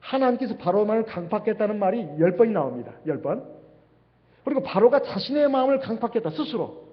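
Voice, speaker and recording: Animated high-voiced male preacher. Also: fast. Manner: animated preaching with rhetorical questions. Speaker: pastor. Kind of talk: sermon. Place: church sanctuary. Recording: dull livestream sound with long hall reverb.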